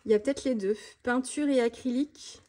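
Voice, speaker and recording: A woman vlogger chatting fast and casually about her art supplies, with many fillers and restarts. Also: on the high side, dark tone. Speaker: mixed-media art vlogger. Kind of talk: casual tutorial chat showing art supplies.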